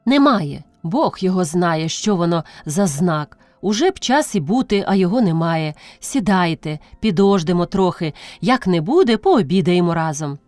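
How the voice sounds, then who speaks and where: A woman's voice: lowish voice, lively intonation, moderate pace, few pauses, a little mellow, no room sound, faint music behind, natural voice. Woman playing a hospitable young village wife. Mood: insistent. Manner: insistent, friendly scolding.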